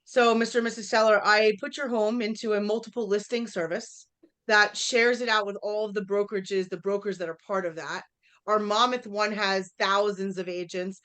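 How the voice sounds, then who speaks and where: A woman leading a live real estate workshop. She talks straight to the room, quizzes her listeners and acts out short exchanges with clients. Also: medium pitch. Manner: energetic, talks straight to the audience, quizzes them; acts out quick dialogues with clients.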